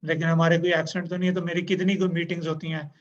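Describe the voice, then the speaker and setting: Here a man with a voice on the high side talks rapid-fire with a flat delivery while hosting a casual online interview in Urdu and English. He's chatty, agreeable and makes joking asides. The audio is dull and lo-fi, with faint noise.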